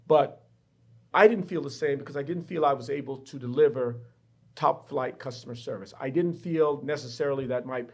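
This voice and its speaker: In a candid interview in a university studio, a middle-aged professor from the Bahamas reflects personally on his story as the guest. His voice is mid-range and husky.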